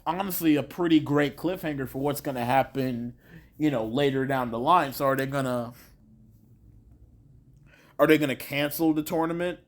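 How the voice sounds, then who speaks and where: Man, slightly higher voice, rambling casual review, lots of fillers, swears now and then. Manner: rambling, many fillers and restarts. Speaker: show reviewer.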